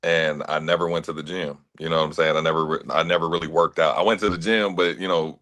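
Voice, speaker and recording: Deep-voiced laid-back man. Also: steady tone, quick pace, fairly bright tone. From Atlanta, Georgia, US. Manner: laid-back, frequent "you know what I'm saying". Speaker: interview guest, actor and fitness trainer. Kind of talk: relaxed conversational storytelling.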